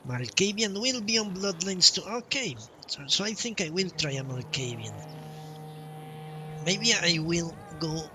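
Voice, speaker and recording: A game streamer thinks aloud in short, musing phrases during casual live gameplay commentary, with game music playing behind him. His voice is high and expressive at a measured pace, and there is some background noise.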